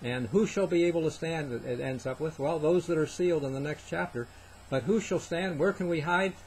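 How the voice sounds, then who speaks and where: An older man giving an informal Bible study talk, halting with many fillers and stopping to ask "okay?". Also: on the high side, darkish tone, slight background noise, low-quality recording. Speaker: Bible prophecy teacher.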